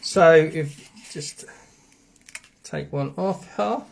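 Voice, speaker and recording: A man's voice: a little high, very slow, vocal fry, slight background noise. A man with a Geordie accent hosting a live stream, rambling casually as he explains things step by step. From England. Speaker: host. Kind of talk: live stream demo and chat.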